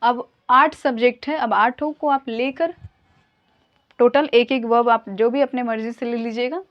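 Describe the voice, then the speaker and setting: A woman teaching English grammar in Hindi, patiently explaining and slowly repeating example sentences. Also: on the high side, highs cut off.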